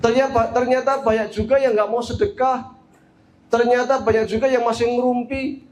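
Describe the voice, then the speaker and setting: A gentle, patient old prophet, as a Javanese-accented man puts him on, asking kindly questions. The voice sits very high. It is a story voice inside a sermon. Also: flat delivery, moderate pace.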